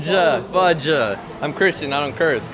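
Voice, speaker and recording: A young man films a casual vlog on his phone in a big warehouse, teasing his coworkers and laughing a lot. His voice sits a little high. Loud warehouse noise runs behind him. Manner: teasing, jokey, laughs often. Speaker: vlogger filming coworkers. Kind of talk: casual joking vlog chatter. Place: large warehouse floor, indoors. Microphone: handheld phone camera. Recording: noisy warehouse ambience.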